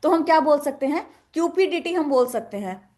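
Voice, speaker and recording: A woman's voice: sits high, animated, brisk, darkish tone. A woman teaching English vocabulary, asking questions and answering them herself, repeating each word. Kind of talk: explaining in a lesson with memory tricks.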